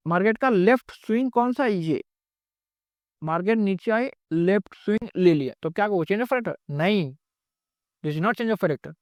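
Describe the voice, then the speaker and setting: A man's voice: sits high, animated, measured pace, a little mellow, no room sound. A man teaching trading in a recorded lecture, explaining step by step and repeating himself often.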